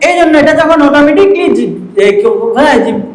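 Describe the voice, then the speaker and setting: A man's voice: very high-pitched, expressive, fairly quick. Man teaching in an echoey room. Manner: instructive, asks checking questions. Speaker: Quran reading teacher. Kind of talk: teacher training lesson. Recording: echoey room with faint noise.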